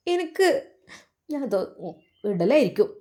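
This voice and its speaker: A proud young woman answers back in a high, curt voice, sulky and defiant, put on by a woman telling the story. Each reply comes out clipped and sharp-tongued. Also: big pitch swings, unhurried.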